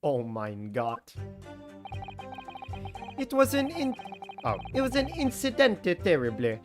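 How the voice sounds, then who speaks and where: An excitable rich gentleman witness with an exaggerated put-on Italian accent, as a man does the voice, pitched well above his own speech and swooping all over. The delivery is theatrical, with game music playing behind. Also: slow, heavily acted. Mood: excited. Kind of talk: game dialogue read-along.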